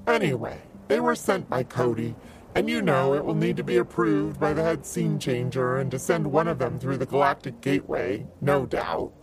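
A woman voicing a big, easygoing cloud dragon in a low, gravelly, offhand way in a storybook reading. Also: animated, normal speed, slight background noise, rough recording. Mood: matter-of-fact.

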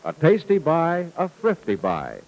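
A man's voice: on the high side, huge pitch swings, a little slow, a little mellow, rough recording. A man announcing in an old-time radio style, reading scripted serial teasers and sponsor copy with salesman's polish. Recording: old radio broadcast recording.

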